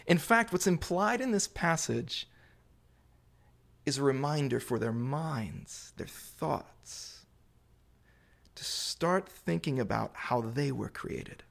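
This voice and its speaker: A man preaching a sermon to a congregation, explaining scripture in deliberate, emphatic phrases with pauses, repetition and rhetorical questions. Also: on the high side, lively intonation, vocal fry, fairly bright tone. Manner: rhetorical questions put to listeners. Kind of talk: sermon, Bible exposition to a congregation.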